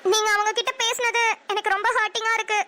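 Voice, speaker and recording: A woman's voice: extremely high pitch, little pitch movement, fast, bright, forceful tone. A woman voicing a hurt, sulky young wife in a cartoon who talks back petulantly. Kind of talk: cartoon voice acting.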